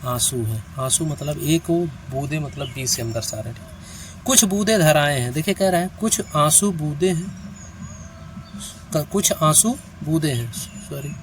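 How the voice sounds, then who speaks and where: A man's voice: a little high, lively intonation, normal speed, noisy background. Man teaching reasoning, counting out steps. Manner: counts out steps aloud, often checks in with the listener. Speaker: reasoning teacher for competitive exams. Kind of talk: online lesson explaining reasoning problems.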